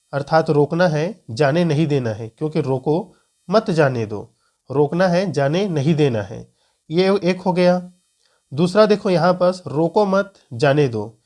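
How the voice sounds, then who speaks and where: A man's voice: a little high, a little mellow. A man teaching Hindi grammar for an exam, explaining patiently and repeating key points. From Chhattisgarh, India. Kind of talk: screen-recorded lesson.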